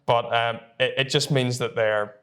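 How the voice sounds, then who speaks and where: A man's voice: medium pitch, fairly even intonation, measured pace, a bit bright. A man in his early twenties from Northern Ireland with a Northern Irish accent, talking casually and chattily to camera as a student presenter. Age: early 20s. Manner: informal, chatty.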